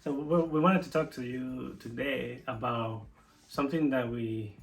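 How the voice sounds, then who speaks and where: A man's voice: mid-range voice, steady tone, a little slow, poor audio. A young man from Venezuela talking casually to camera about parenting, earnest and reflective, often restarting his sentences. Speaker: co-host of a family channel.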